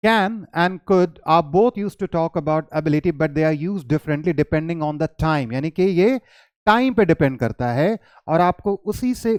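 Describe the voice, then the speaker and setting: Hindi-speaking male English teacher, slow examples. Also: on the high side, a little mellow, dry recording. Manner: stretches English example sentences very slowly and stressed. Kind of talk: explaining grammar in Hindi, reading English examples slowly.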